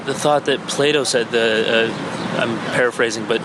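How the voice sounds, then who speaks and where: A thoughtful man talking as a podcast guest, pausing and restarting as he works through his ideas in a mid-range voice. Very loud background noise with traffic and air-conditioning hum sits under him. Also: mid-range voice, steady tone. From Iran, raised in Canada. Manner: thoughtful, hesitant, many fillers and restarts. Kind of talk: casual conversation.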